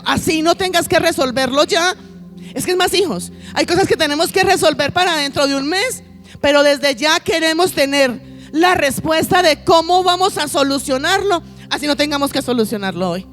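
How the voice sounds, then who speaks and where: A woman's voice: high-pitched, fairly bright tone. A woman pastor preaching a sermon, piling up lists and asking the congregation rhetorical questions.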